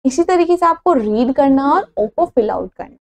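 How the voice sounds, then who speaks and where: A woman's voice: high voice, expressive, moderate pace, a little mellow. A woman teacher, walking through a phonics lesson and spelling out each word letter by letter before saying it whole. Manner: spells words letter by letter, then says them; mixes Hindi and English explanations.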